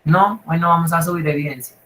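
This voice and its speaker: A man's voice: on the high side, quick pace, a bit bright, slight background noise. A man from Colombia with a Bogotá accent, teaching a literature class over a video call in an informal, rambling way, checking in with his students constantly. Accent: Bogotá Colombian Spanish. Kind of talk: live online class lecture. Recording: echoey room.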